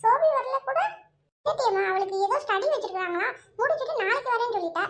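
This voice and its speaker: A woman's voice: very high voice, animated, quick pace. A woman voicing a chatty middle-aged aunt visiting her niece, in a home family drama where she plays every role. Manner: chatty, fussing. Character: fussing middle-aged aunt, the mother's sister. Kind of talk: home family drama, one narrator voicing all roles.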